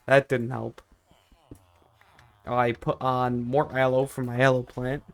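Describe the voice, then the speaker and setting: A man's voice: mid-range voice, flat delivery, takes it slowly. A young man telling a personal story in a casual vlog style, rambling and repeating himself with emphatic, exaggerated complaint. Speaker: video creator.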